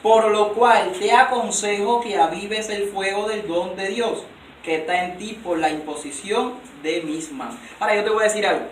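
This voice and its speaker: A man preaching a sermon, emphatic, often putting questions to his congregation and answering them himself. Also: high-pitched. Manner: emphatic, asks the audience rhetorical questions. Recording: roomy, distant recording with faint noise.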